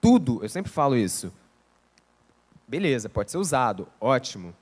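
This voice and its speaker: A man with a Rio de Janeiro accent giving a conversational lecture, often acting out dialogue. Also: fairly high pitch. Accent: Rio de Janeiro Portuguese. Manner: conversational, acts out quoted dialogue. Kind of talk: lecture on parenting.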